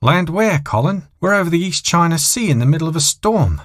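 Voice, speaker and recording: A man voicing a calm, steely young female flight attendant in an audio thriller story, firm and controlled. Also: a little high, fairly quick, no room sound, clean studio sound, voice pushed up. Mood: questioning.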